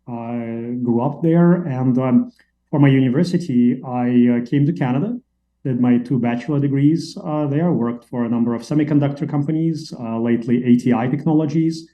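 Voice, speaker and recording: A man speaking from Latvia's background as a CEO guest, hesitant and full of fillers as he explains his path. His voice sits at an ordinary mid pitch. The audio is a little dull, as over a remote link. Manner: halting, many fillers. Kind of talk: interview conversation.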